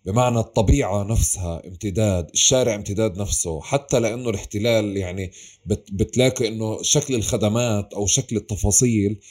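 Male interviewer, Palestinian Arabic accent, rapid delivery in a lower register, casual and discursive. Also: a little mellow.

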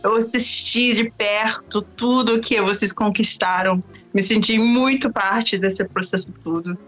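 A woman joining as a guest, crying and speaking warmly with emotion. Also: mid-range voice, fairly even intonation, measured pace, faint music behind, low-quality recording. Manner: emotional, warm.

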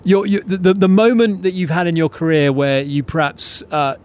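A man's voice: high-pitched, steady tone, moderate pace. A man co-hosting a podcast, chatting and asking hesitant questions as a friendly interviewer. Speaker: podcast co-host. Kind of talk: casual chat.

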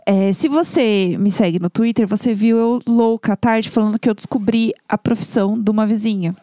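A woman, co-hosting a casual chat podcast and telling a story in an animated, dramatic way. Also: medium pitch, fairly quick, dry recording, studio quality. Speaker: podcast co-host.

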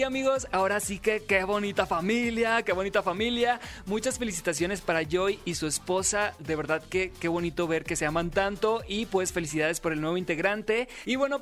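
A man's voice: high voice, a bit bright. A man with a Mexican accent hosting an upbeat entertainment radio show in a chatty, hyped showman's manner, addressing listeners as friends. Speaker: radio and podcast host. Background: music bed.

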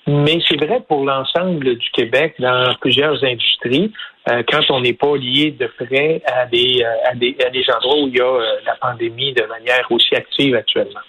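A man with a Québécois French accent, a business association president interviewed on the radio, explaining his points deliberately with many fillers and restarts. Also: mid-range voice, bright, forceful tone, breathy edge, poor audio.

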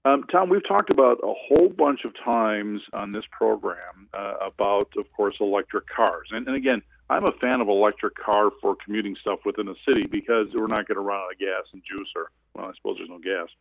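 Brief: lower-voiced male financial advisor on a phone line, rambling and hesitant, dry lo-fi sound. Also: a little fast, creaky, hardly any pauses, no room sound. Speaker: financial advisor, regular guest. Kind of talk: casual radio chat. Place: cabin in the woods. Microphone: phone or internet call.

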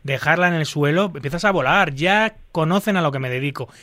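Podcast host, man, slightly high voice, agreeable, dry close sound. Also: fairly quick, pushed and bright, no echo. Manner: agreeable, asks long winding questions. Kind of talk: podcast interview.

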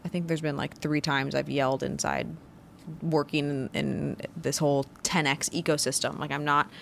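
A woman's voice: sits low, level tone, normal speed, vocal fry, slight background noise. A woman business owner hosting her own show, giving a motivational business talk with emphatic, punchy phrasing. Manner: emphatic, punchy delivery with stressed short phrases. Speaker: business owner and podcast host.

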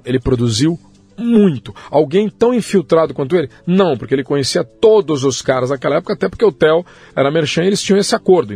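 A man chatting as a podcast guest, animated and swearing freely, his pitch jumping up when he stresses a point. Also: husky. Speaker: guest, musician and writer. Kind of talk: casual podcast chat.

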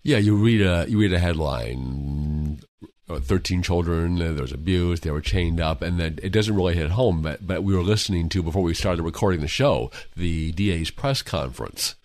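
A man's voice: low-pitched, normal speed, darkish tone, no echo. A man hosting a talk radio show, chatting casually while still getting over a cold. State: recovering from a cold, deeper voice.

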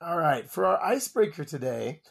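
A man's voice: a little high, big pitch swings, normal speed, vocal fry, husky. A man hosting a podcast panel discussion, upbeat and inviting. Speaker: podcast host. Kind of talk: casual chat.

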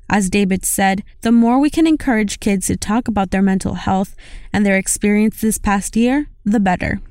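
A woman hosting a podcast, reading a scripted outro in a clear, measured way. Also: medium pitch, a little mellow, no echo, studio quality. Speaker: podcast host. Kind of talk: scripted narration.

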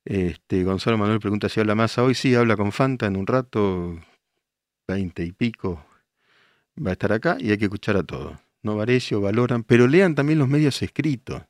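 A man's voice: lowish voice, lively intonation, moderate pace, no echo, studio quality. An older man with an Argentine accent hosting a radio show, reading listener messages and answering them with emphatic rhetorical questions. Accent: Argentine Spanish. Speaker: radio host.

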